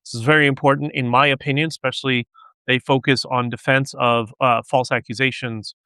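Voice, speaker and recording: Smooth-voiced man rambling on a livestream. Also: mid-range voice, flat delivery, brisk, sharp tone, dry recording. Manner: rambling, digressive, with many restarts. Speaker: podcast host. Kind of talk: casual solo livestream monologue.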